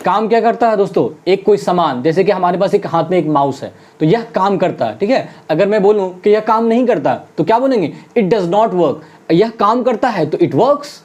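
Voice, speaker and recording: A spoken English teacher giving a lesson, who keeps calling the viewers friends and asks questions only to answer them. English example sentences are repeated slowly, one word at a time. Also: medium pitch, expressive, darkish tone. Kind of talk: online classroom lesson.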